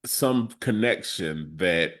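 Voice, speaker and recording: Casting: man with a very deep voice, podcast co-host, measured and reflective, playful when joking. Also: animated, fairly bright tone. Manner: measured, jumps high when laughing. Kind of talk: casual discussion.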